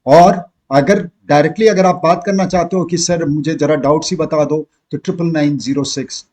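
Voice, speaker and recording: Husky teacher with an Indian accent. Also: male voice, a little high, steady tone, a little mellow. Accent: Indian English. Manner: reads English sentences slowly, spells words out letter by letter. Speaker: exam-prep teacher. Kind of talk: classroom lesson.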